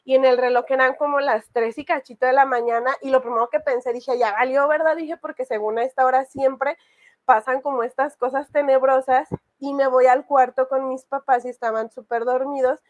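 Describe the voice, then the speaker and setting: A woman's voice: high voice, steady tone, a little fast. A woman casually telling a personal horror story, rambling with many fillers. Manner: rambling, full of fillers and restarts.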